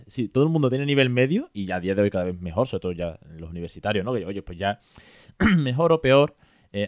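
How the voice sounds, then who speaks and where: A man's voice: on the low side, no echo. A man hosting an interview, asking long, rambling questions. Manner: chatty, rambling questions with tag "¿no?". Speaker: interviewer, host. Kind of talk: conversational interview.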